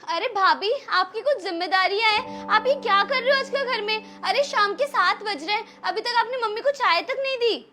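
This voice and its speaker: Indignant young married daughter, played by a woman, scolding, very high bright voice, soft music. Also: moderate pace, few pauses. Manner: scolding, confrontational.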